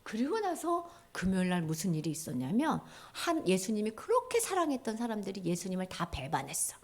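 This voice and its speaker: A woman junior pastor telling a story in a sermon, in an animated way, acting out the characters' voices. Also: medium pitch, a little fast.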